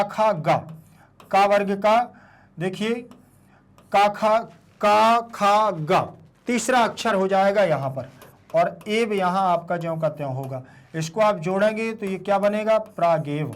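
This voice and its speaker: In a high, lifted voice, a man explains a lesson to his class. He moves step by step with patience, restates each question as he responds to it, and pronounces words slowly syllable by syllable.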